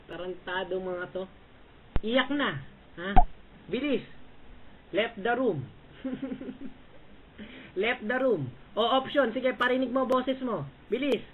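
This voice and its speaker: Speaking a little slowly with long pauses, a man with an extremely high pitch mocks rivals in an online voice chat. He is taunting and domineering, barking short orders and "ha?" again and again, on a tinny line with faint hiss.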